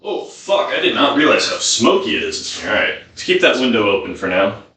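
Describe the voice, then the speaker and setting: A man's voice: fairly low pitch, sing-song, brisk, pushed and bright. A man rambling casually as he cooks, swearing freely and muttering to himself. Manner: foul-mouthed, muttering to himself. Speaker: home cook filming himself. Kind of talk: casual rambling cooking chat. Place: indoor kitchen. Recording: roomy, echoey indoor sound.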